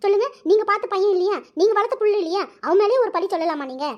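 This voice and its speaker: Woman voicing a shrill scolding cartoon aunt. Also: lo-fi sound. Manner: scolding, rapid-fire taunts. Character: quarrelsome middle-aged aunt, sharp-tongued and scornful. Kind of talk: animated cartoon voice acting.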